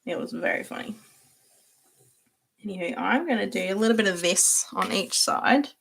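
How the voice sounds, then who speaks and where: A young woman hosts a relaxed livestream, chatting as she goes and giggling often. Her voice has a touch of gravelly fry, and she answers viewers by name in a friendly, rambling way. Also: medium pitch, moderate pace, a little hiss or hum. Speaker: livestream host. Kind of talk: casual livestream chat while journaling.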